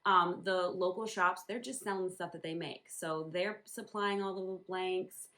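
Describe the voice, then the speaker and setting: Speaking in a lowish, sharp voice at normal speed, this woman from Northern New England, USA, chats in a casual vlog about the embroidery business she runs from home. She rambles, filling the talk with ums and likes.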